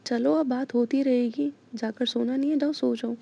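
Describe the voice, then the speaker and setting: Woman doing a sleepy, soft-spoken mother. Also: high-pitched, steady tone, normal speed, creaky. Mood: sleepy, gentle. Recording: dull lo-fi recording.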